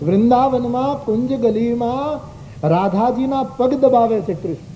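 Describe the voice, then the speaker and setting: A man's voice: very high-pitched, a little slow, noisy background. A man telling a devotional story as a sermon, singing verses and acting out the characters' voices. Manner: expressive, acts out the characters' voices. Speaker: religious storyteller. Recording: dull old live recording with faint music.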